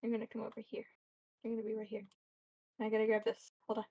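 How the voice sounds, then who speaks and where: A woman's voice: on the high side, monotone, fast, a little mellow, low-quality recording. A woman narrating as game master of a tabletop game on a live stream, rambling with many fillers and casual asides.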